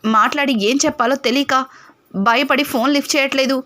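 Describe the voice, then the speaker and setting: A woman's voice: high voice, steady tone, fairly quick, bright, forceful tone. Woman reading a nervous young man.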